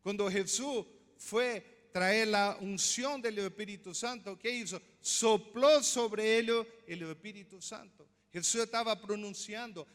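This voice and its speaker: A man's voice: high-pitched, a bit bright. A man pastor preaching a sermon, teaching step by step and asking the congregation questions. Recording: long hall reverb.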